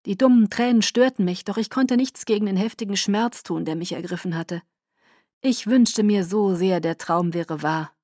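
A woman narrating a first-person audiobook in a soft, intimate and emotional way. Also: mid-range voice, normal speed, dry recording, clean studio sound. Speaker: audiobook reader.

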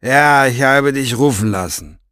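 A man voicing a scheming, vain, gloating male villain in a storybook reading, with a velvety voice and a mocking, drawn-out, theatrical delivery. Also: mid-range voice, pushed and bright, smooth, no room sound, clean studio sound.

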